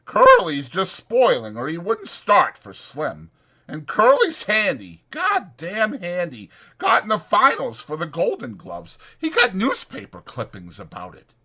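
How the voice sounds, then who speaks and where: A male reader performs a gossipy young ranch hand in a dramatized storybook style, his voice pitched high and swooping up and down with a bright, forceful edge. The character speaks folksy, ungrammatical slang, lively, excited, and eager to share. The delivery is a little slow, slightly rough, and heavily acted.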